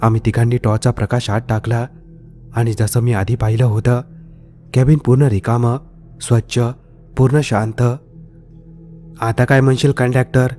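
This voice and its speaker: A man's voice: mid-range voice, little pitch movement, normal speed, pauses often, dark tone. A man telling a first-person horror story in a tense, dramatic storytelling manner. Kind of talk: scripted horror narration. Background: faint background music.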